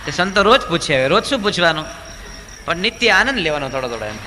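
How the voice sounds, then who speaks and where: A male monk giving a humorous sermon in a large hall, telling jokes and acting out characters in lively storytelling. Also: on the high side, quick pace, noisy background.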